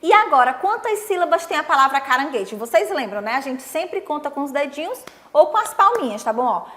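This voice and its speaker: A young Brazilian woman teaching young children on a TV lesson, coaxing and sing-song, counting slowly with them. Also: sits high, big pitch swings, bright, forceful tone. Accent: Brazilian Portuguese. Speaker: primary school teacher.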